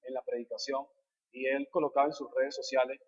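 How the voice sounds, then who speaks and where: A man preaching a sermon as a pastor, rhetorical, moving from hushed asides to impassioned repeated refrains. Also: medium pitch, flat delivery, brisk, breathy edge, dull audio. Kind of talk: expository sermon. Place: church sanctuary.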